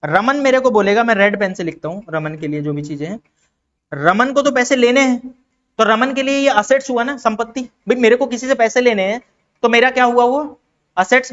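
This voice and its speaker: A man's voice: very high-pitched, lo-fi sound. A man from India teaching an accounting lesson, posing questions and answering them himself and repeating key terms. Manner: acts out quick exchanges in other voices. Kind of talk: classroom-style explanation with questions to students.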